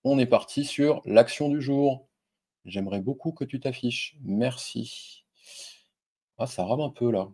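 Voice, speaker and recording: Casual male finance host, husky, warm low tone, chatty, swears freely, talks straight to camera. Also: a little slow, long pauses. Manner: loose and chatty, frequent fillers and crude slang; addresses viewer directly and informally. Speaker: stock investing video host. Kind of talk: casual screen-share investing explainer.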